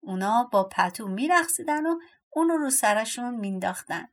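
A woman's voice: fairly high pitch, expressive. Woman reading a fairy tale aloud. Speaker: audiobook narrator. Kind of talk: storybook narration.

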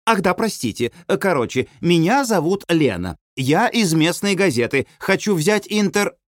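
A man voicing an eager young woman reporter who calls out in bright exclamations. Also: high-pitched, very animated, measured pace, dry recording, clean studio sound, voice pushed up.

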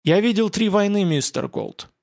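A man reading the part of a gruff, blunt older male priest and war veteran in an audiobook. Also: sits high, expressive, moderate pace, darkish tone, no room sound, clean studio sound, pitched above the performer's own voice. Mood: grim. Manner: blunt, commanding.

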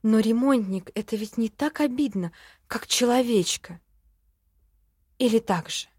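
A woman narrating a fantasy novel in first person, wry and expressive. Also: fairly high pitch, measured pace, slightly rough, no room sound, clean studio sound. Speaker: audiobook narrator.

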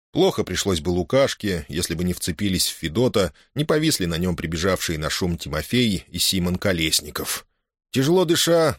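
Expressive male audiobook narrator. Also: lowish voice, no echo, clean studio sound. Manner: expressive storytelling. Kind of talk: audiobook reading.

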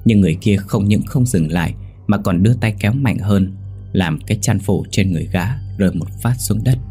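A man narrating a ghost story in a measured, suspenseful manner. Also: fairly low pitch, warm tone, slightly rough, soft background music. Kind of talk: scripted horror story narration.

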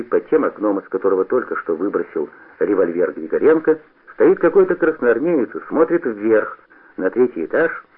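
A man reading a story aloud with expressive storytelling. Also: fairly low pitch, breathy edge. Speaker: reader. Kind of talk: scripted narration. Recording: tinny old radio broadcast.

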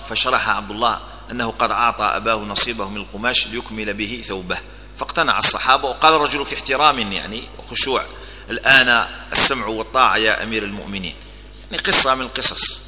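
A man's voice: mid-range voice, fast, pushed and bright, in a large hall, a little hiss or hum. A man with an Algerian accent giving a religious lesson, telling stories and moving between formal Arabic and dialect. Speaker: preacher.

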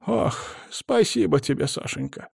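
A man's voice: on the high side, expressive, a little slow, gravelly, a little mellow, breathy edge, no room sound, clean studio sound, pitched above the performer's own voice, heavily acted. A man reading an audiobook, voicing a fretful, doting old grandmother. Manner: lamenting, doting. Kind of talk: audiobook character voice.

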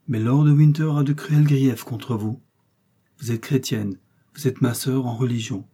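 A man's voice: mid-range voice, steady tone, measured pace, mellow, slightly rough. A man reading aloud and voicing an earnest, fervent young puritan officer.

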